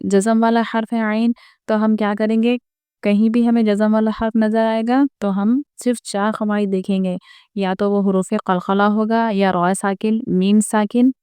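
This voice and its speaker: A woman teaching Quran recitation rules in a patient, methodical lesson. Her voice is very clear and smooth, recorded close up with no room sound. She often pauses to ask her viewers rhetorical questions. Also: medium pitch, a little mellow, no echo. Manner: patient, explains each rule and asks rhetorical questions.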